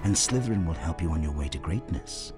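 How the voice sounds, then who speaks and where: Magical talking hat: sly, old, persuasive game creature, deep and theatrical, music underneath. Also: male voice, animated, a little fast. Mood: musing, persuasive.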